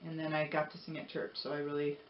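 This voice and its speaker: In a low, monotone voice at a quick pace, a woman chats casually with viewers, earnest and encouraging and prone to rambling, like a motivational vlogger. Echo fills the room, and the audio is dull, lo-fi and noisy.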